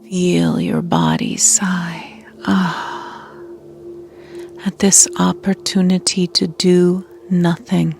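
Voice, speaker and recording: A woman on the low side of the pitch range leads a yoga nidra meditation, yet her delivery is animated. She stays soothing and hushed, breathy near a whisper, with long pauses, and soft music plays in the background.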